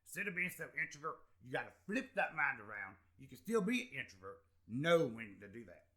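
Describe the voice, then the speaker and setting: A man's voice: medium pitch, very animated, brisk, fairly bright tone. A man speaking as an interview guest, an actor and comedian, talking earnestly and encouragingly with lots of fillers. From South Carolina. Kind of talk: candid conversational interview.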